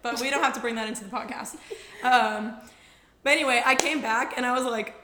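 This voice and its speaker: A woman in her early twenties with an American accent and a husky voice, chatting casually and slangily as a podcast co-host. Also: a little high, steady tone, a little fast, crowd noise. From Texas, United States. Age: early 20s. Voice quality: husky from vocal nodules. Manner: bubbly, slangy, informal. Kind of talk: casual chat. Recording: roomy, echoing room sound.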